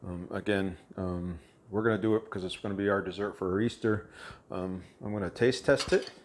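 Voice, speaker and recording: A man hosting a casual home cooking vlog, talking in a halting way with many fillers and restarts. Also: sits low, fairly even intonation. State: talking with his mouth full. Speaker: cooking channel host.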